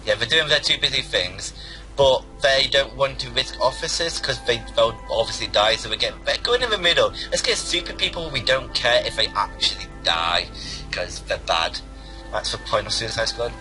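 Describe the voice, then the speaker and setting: Co-hosting a casual podcast over music, a young man chats enthusiastically, repeating himself and swearing casually. His medium-pitched voice is expressive and at normal speed, and the recording is rough.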